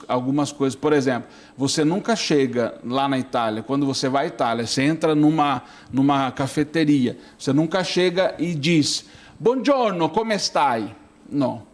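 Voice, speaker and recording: A man's voice: mid-range voice, animated, moderate pace. A middle-aged man, a priest on a talk show, chatting loosely and keeps tagging his sentences with a question for agreement. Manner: chatty, keeps asking "não é?". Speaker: priest, studio guest. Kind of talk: casual talk-show conversation.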